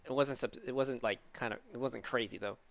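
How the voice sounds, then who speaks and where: A man hosting a casual podcast chat over a call, rambling with halting restarts and a squeaky voice. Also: steady tone, gravelly, fairly bright tone, slight background noise. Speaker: podcast host.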